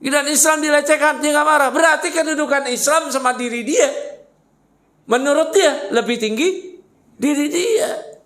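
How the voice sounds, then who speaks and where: A man's voice: extremely high pitch, normal speed, a bit bright, reverberant. A man preaching a mosque study sermon, emphatic and fired up, firing rhetorical questions at his listeners and slipping in mocking asides. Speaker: Islamic preacher.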